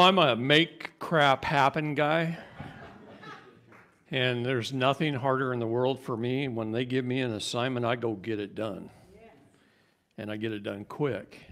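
A man giving a live seminar talk to an audience, animated and jokey, his voice climbing high when he gets worked up. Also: normal speed. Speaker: seminar speaker.

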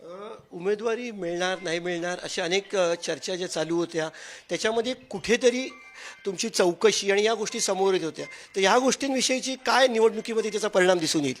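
A man's voice: high-pitched, fairly quick, faint music behind. A man, a field reporter pressing an interviewee with questions.

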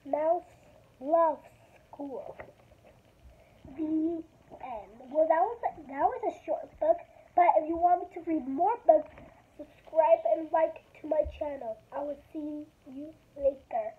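A young child with a high voice reads a picture book aloud at a slow, halting pace. The recording is a muffled home video made in a bedroom on a handheld device. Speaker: young video maker reading a storybook aloud. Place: small bedroom, indoors. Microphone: phone or tablet at arm's length. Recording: dull lo-fi device mic, background noise.

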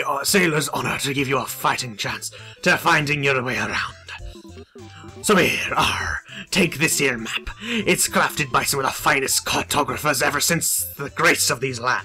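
A man voicing a gruff old male pirate in a video game, drawling with growled arrs. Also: mid-range voice, normal speed, bright, forceful tone, soft background music.

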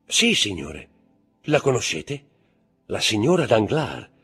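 A man's voice: on the low side, huge pitch swings, slow, fairly bright tone, husky, soft background music, full character voice. A man reading aloud who voices a frantic aristocratic young mother, pleading and breathless. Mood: eager.

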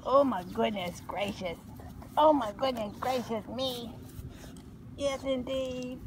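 Woman, high voice, slow and cooing, gentle baby talk to a dog. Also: slight background noise. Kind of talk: casual talk to a dog on camera.

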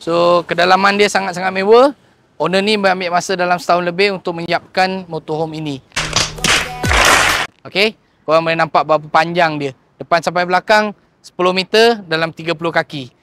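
A man's voice: high-pitched, steady tone, fairly quick, a bit bright. A man in his thirties with a Malaysian Malay accent, casually walking through a motorhome and explaining its features, slipping English words into his speech. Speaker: motorhome dealer giving a tour. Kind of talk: walkthrough tour vlog. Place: outdoors by a bus, then inside the motorhome. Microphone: lapel mic.

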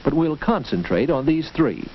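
An American man narrates in the scripted manner of a 1940s school film, instructive and measured, his mid-pitched voice rising and falling lively as the story unfolds. The vintage film soundtrack is dull, faintly noisy and full of clicks.

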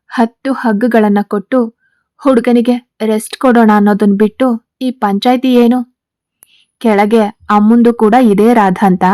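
Cocky male gang boss read by a woman, arrogant and teasing, fairly high voice, mellow tone, dry close sound, storytelling. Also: no echo, close to an everyday voice.

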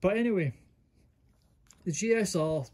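A man's voice: sits high, animated, measured pace, very noisy. Man doing a rambling gear review. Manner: informal, rambling, self-correcting. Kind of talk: casual hands-on product review.

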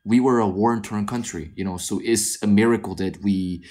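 Korean-accented man, low voice, mumbling asides. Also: normal speed, dark tone. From South Korea. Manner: rambling, many fillers, drops to a mutter at phrase ends. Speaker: guest film critic. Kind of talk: casual podcast discussion.

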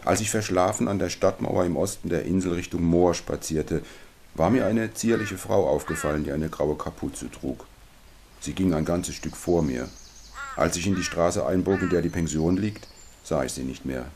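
A man narrating a first-person fantasy audiobook in a calm, measured way. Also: sits low, creaky, a little hiss or hum.

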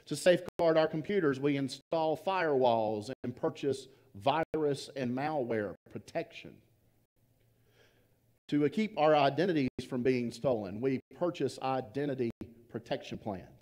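Pastor guy preaching, mellow dark voice, gets quiet on the big words, storyteller vibe. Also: mid-range voice, lively intonation, a little slow. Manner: storytelling, trailing off softly for emphasis. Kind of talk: sermon.

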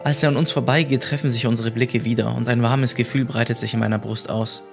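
A man reading horror stories aloud in a measured, scripted way. His voice sits at an ordinary middle pitch, with faint music playing underneath. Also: steady tone, vocal fry. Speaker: narrator.

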